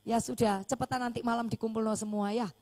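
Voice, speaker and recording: A high-pitched woman pastor preaching. She tells her story with animated energy and acts out the voices of the people in it. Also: fast talker. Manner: animated storytelling, acting out dialogue. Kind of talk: sermon storytelling.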